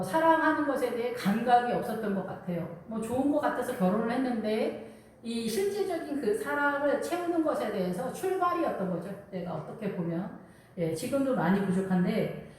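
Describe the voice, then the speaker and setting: A woman's voice: on the high side, darkish tone. A middle-aged woman pastor giving a sermon in a conversational way, weaving in personal stories and acted-out inner thoughts. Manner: conversational preaching with personal anecdotes and quoted inner voices. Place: church sanctuary. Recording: echoey room, voice from a distance.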